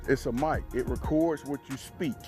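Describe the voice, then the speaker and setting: A football coach at outdoor practice, wearing a body mic, joking with players and shouting energetic drill commands. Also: male voice, medium pitch, moderate pace, music in the background. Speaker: defensive line coach. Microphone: wireless body mic.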